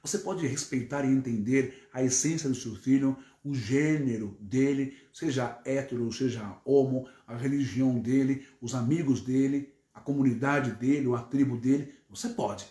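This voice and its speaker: A man's voice: medium pitch, normal speed, hardly any pauses, mellow. A man with a Brazilian Portuguese accent preaching a sermon in a mid-range voice. He talks emphatically, stacking phrase after phrase into long lists. The room around him gives a noticeable echo.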